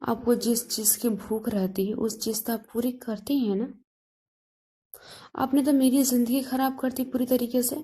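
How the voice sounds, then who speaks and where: A woman's voice: a little high, level tone, moderate pace, slightly rough. A woman doing a stern commanding husband. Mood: accusing. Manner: curt orders, shouting.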